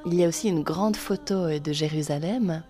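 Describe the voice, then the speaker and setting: A woman hosting a radio interview, asking gentle, measured questions. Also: sits low, faint music behind.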